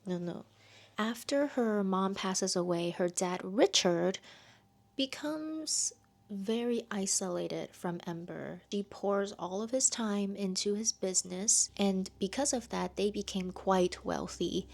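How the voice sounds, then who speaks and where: A young woman chatting casually as she reviews a book for her vlog, with lively asides. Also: medium pitch, slow pace, vocal fry.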